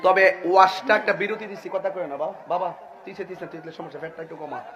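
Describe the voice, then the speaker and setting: A man's voice: sits high, steady tone, fast talker, very noisy. A man preaching a humorous sermon in a chatty, joking way, often laughing as he talks. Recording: live event with loud crowd.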